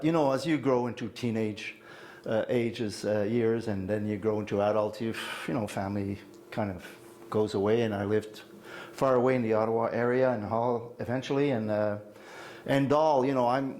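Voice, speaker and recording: An older retired man from Quebec City gives an informal genealogy talk to an audience, wandering into personal asides and pausing often with fillers. His voice sits at an ordinary pitch with a faint hiss underneath. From Quebec City, Canada. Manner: rambling, warm personal asides, many fillers and restarts. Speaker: guest speaker on family genealogy. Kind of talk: informal lecture. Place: meeting hall with an audience.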